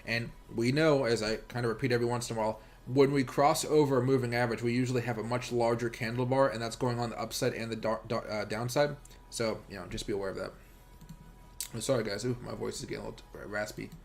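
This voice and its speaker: With a gravelly, medium-pitched voice that stays steady and fast, this American livestream host drifts through casual chat and commentary. He trades crypto and speaks directly and informally to his audience.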